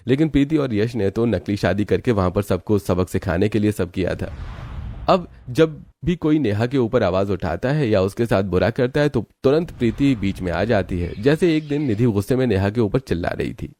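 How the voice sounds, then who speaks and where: A man narrating a cartoon story in a steady, matter-of-fact way. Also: lowish voice, moderate pace.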